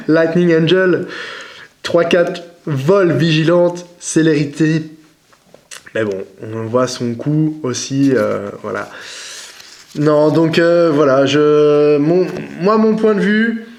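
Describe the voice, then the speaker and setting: A man's voice: fairly high pitch, slow, a little mellow. Chatty young man opening cards. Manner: chatty, many hesitations and apologies. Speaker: card-opening vlogger. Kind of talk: casual unboxing commentary.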